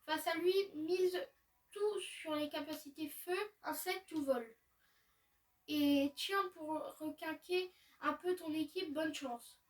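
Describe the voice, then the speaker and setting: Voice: high-pitched, fairly even intonation, slow pace, far from the mic. A gamer reading a friendly young researcher.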